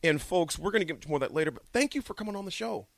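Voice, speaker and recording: Racing along in a high voice with vocal fry, a middle-aged radio host tells stories in the studio. He's animated and jokey, cracking gags and laughing frequently throughout the lively talk.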